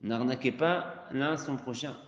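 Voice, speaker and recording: A rabbi teaching an informal lesson, repeating key points and rising into emphatic bursts. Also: male voice, mid-range voice, measured pace. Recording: echoey hall, dull lo-fi sound.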